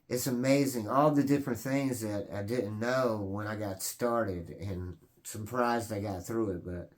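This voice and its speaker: A man in his late forties hosts his own video channel, talking in a casual, earnest vlog style. He rambles with lots of fillers and restarts, in a fairly low voice at a measured pace.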